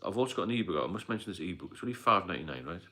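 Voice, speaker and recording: Middle-aged British livestream host, deep low voice, loose rambling delivery with fillers. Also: male voice, big pitch swings, racing, bright, forceful tone. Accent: British English. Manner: rambling, repetitive, frequent fillers and coughs. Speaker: livestream host, sobriety mentor. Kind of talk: casual live stream talk.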